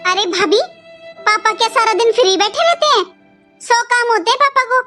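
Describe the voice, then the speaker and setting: A woman's voice: very high-pitched, lively intonation, normal speed, bright, forceful tone, faint music behind, exaggerated voice. A woman voicing a sarcastic, spoiled young married daughter who taunts her sister-in-law in a Hindi cartoon. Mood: taunting.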